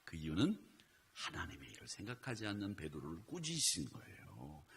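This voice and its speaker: A man's voice: low-pitched, wildly swooping pitch, brisk, fairly bright tone, in a large hall, slight background noise. A man preaching a sermon as pastor, animating his talk by acting out the quoted words. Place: church.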